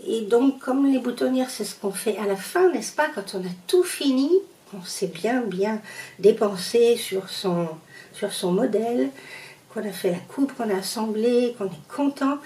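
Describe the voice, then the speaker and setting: A woman's voice: on the high side, a little slow, warm tone, roomy sound, distant mic, poor audio. A woman with a Parisian accent chatting through her sewing projects, hesitant with lots of fillers. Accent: Parisian French. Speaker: sewing vlogger. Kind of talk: casual show-and-tell vlog.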